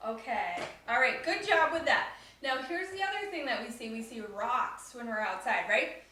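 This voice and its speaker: A woman's voice: fairly high pitch, lively intonation, moderate pace, pushed and bright, heavy reverb, distant mic, slight background noise, poor audio. A woman leading a family yoga class, upbeat and instructive as she talks children through the poses. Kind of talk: guided kids yoga class.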